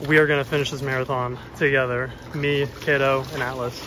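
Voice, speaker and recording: A man's voice: medium pitch, flat delivery, a little fast, noisy background. A man casually vlogging outdoors while running with his dogs, chatty and upbeat. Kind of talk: casual vlog narration. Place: outdoors on runs and in a yard.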